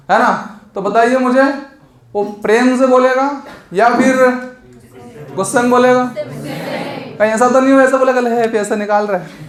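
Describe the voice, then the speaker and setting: A man teaching an exam coaching lesson, explaining memory tricks and asking the class questions that he answers himself. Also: very high-pitched. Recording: echoey room.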